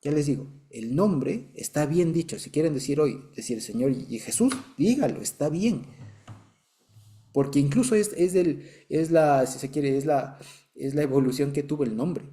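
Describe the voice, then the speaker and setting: A man's voice: fairly high pitch, lively intonation, moderate pace, dark tone. A man with an Ecuadorian accent teaching a Bible study, explaining patiently, checking that listeners follow and chuckling now and then. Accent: Ecuadorian Spanish. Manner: explanatory, keeps checking understanding.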